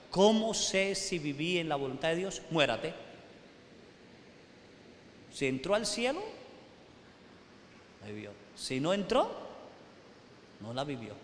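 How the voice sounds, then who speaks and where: A male priest, preaching a sermon at a retreat. He tells stories and keeps checking in with the audience. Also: on the high side. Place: large hall at a retreat. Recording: echoey hall, faint noise.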